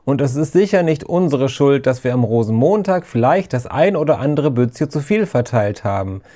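Ein Mann, der beim Vorlesen einer Geschichte einen theatralischen, donnernden Scheinpriester spricht, pathetisch und anklagend. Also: male voice, mid-range voice, lively intonation, moderate pace, warm tone, close to an everyday voice. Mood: mock solemn. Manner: thundering, pompous, accusing. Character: theatrical booming mock priest, male carnival official. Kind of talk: storybook reading.

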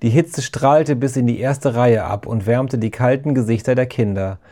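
Ein Mann, der ruhig und gleichmäßig eine Kindergeschichte vorliest. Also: male voice, mid-range voice, normal speed, dark tone. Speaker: narrator. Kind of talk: storybook narration.

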